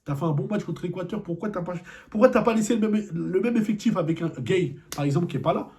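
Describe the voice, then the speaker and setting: A man's voice: sits high, expressive, quick pace, a little mellow. A man giving an angry post-match football debrief, repeating himself and firing rhetorical questions. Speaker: football vlogger.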